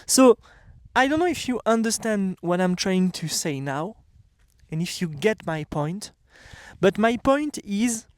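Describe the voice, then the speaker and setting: A man's voice: sits high, big pitch swings, a little slow, no room sound. A middle-aged man with a French accent giving an emphatic motivational talk, repeating phrases and speaking straight to his viewers. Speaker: vlogger and coach. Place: countryside home.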